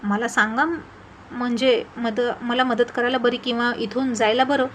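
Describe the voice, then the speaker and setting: A woman's voice: fairly high pitch, flat delivery, normal speed, slight background noise, natural voice. A woman voicing a cheerful older village man in a storybook tale, with a jolly, teasing, folksy way of talking.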